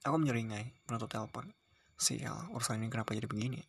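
A man reads a first-person thriller aloud with a tense, terse delivery. His voice is gravelly with plenty of fry, and he moves through the text at a brisk clip. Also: medium pitch, no echo. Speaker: audiobook narrator. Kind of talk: first-person storybook narration.

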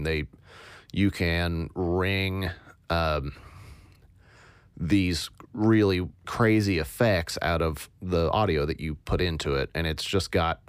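Give me a low, monotone man explaining sound design. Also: clean tone, no echo. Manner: hesitant, many fillers, thinks aloud. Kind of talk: casual tutorial explanation.

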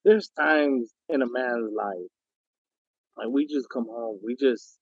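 A man's voice: medium pitch, slow pace, no echo. A man co-hosting a casual podcast chat, rambling with stammering restarts and frequent chuckles, his voice sounding muffled as if heard through a wall. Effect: muffled, dull sound, as if heard through a wall. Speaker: podcast co-host. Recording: muffled, dull, dry sound.

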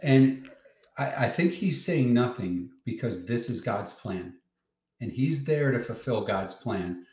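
A man's voice: mid-range voice, animated, slow, a little mellow, roomy sound. A man teaching a Bible lesson to a child, patiently asking questions and explaining as he reads.

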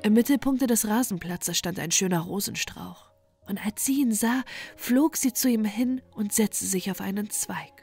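A woman storyteller reading a bedtime fairy tale in a soft, calm, measured way. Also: mid-range voice, faint music behind.

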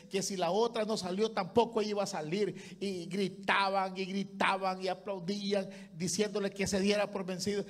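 A man preaching. He delivers an impassioned sermon as pastor, rising to loud calls and dropping to hushed asides. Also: sits high.

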